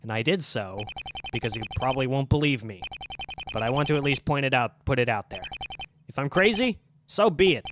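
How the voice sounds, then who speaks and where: A man's voice: medium pitch, lively intonation, brisk, a bit bright, slight background noise, natural voice. A man voicing a desperate male defendant in a game, pleading emphatically. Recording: game music behind.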